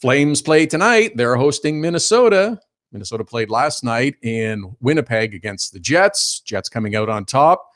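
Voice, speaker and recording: A man's voice: mid-range voice, expressive, normal speed, fairly bright tone. Chatty opinionated male hockey radio host. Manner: chatty, opinionated, laughs while telling stories. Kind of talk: casual hockey radio talk.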